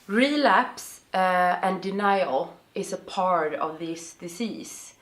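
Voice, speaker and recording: Woman, Swedish accent, native Swedish speaker, slow pace, halting interview answers with searching pauses, roomy echo. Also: fairly low pitch, lively intonation. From Sweden. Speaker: interview guest. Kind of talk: interview answers, personal advice. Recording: roomy, echoing sound.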